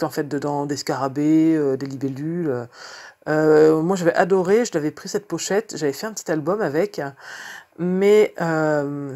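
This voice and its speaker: A woman with a low-pitched voice talks through her card-making in a relaxed vlog. She rambles in a chatty way, full of fillers and restarts. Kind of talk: casual craft vlog chat.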